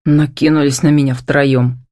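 A woman voicing a hoarse, sneering male villain with a low, threatening voice in an audiobook. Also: flat delivery, measured pace, dark tone, dry recording, clean studio sound.

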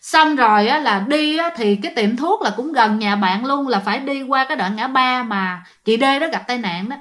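A high-voiced woman narrates ghost stories sent in by listeners. She talks in a chatty, conversational way and often turns to address her audience directly. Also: normal speed, fairly bright tone. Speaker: storyteller.

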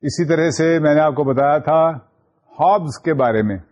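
A man's voice: on the high side, darkish tone. A man with a Pakistani accent giving a recorded university lecture, teaching patiently and repeating key points while mixing English terms into his talk. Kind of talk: recorded distance-learning lecture.

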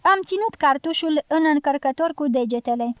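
A woman's voice: sits high, animated, a bit bright, no echo, lo-fi sound. A woman reading the lines of a joking, careless male guerrilla sentry in an audiobook, in a teasing, mocking manner.

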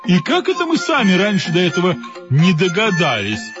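A man's voice: high-pitched, huge pitch swings, moderate pace, lo-fi sound, music in the background, pitched above the performer's own voice. A man voicing the quarrelsome, boastful heads of a seven-headed monster in an audio storybook, growling and menacing. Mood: squabbling.

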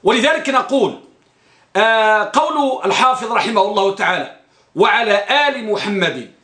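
A man with a high, animated, pushed and bright voice speaks at normal speed in a reverberant room. Teaching an Islamic studies class on a hadith text, he poses questions to students, answers them himself, and repeats key phrases.

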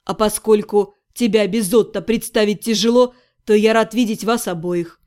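A woman voicing an earnest young male necromancer who speaks quietly and sincerely. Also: fairly high pitch, normal speed, pitched below the performer's own voice, natural voice. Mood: tender, earnest. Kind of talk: audiobook character voice.

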